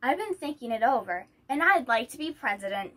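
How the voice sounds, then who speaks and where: Woman reading as a spirited schoolgirl, high and lively. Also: a little fast. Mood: determined. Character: spirited, indignant, determined young schoolgirl. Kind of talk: children's picture book read aloud.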